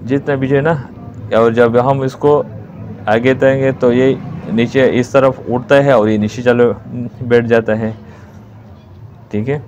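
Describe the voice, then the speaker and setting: A man's voice: medium pitch, steady tone, a little slow, a little mellow, muffled recording, a little hiss or hum. A man with a Pakistani Urdu accent giving a hands-on repair tutorial, explaining each step and repeating key words as he works. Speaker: repair technician.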